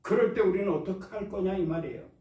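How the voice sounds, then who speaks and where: A man's voice: sits high, fast, mellow. A man preaching a Sunday sermon as pastor, drawing responses from his congregation. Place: church sanctuary. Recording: echoey church hall, mic at a distance.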